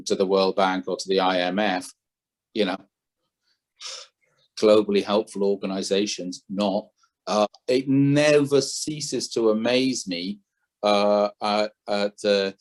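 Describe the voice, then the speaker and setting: A former head trader, appearing as a podcast guest in a conversational interview, speaks in a lowish voice, slowly and with fairly even intonation. He's opinionated and thinks aloud, frequently correcting himself mid-sentence.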